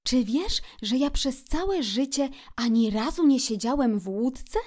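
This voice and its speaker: Brief: woman reader as a young male mole, shy but bursting with excitement, high and bright. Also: measured pace. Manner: eager, breathless with wonder. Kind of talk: audiobook character voice.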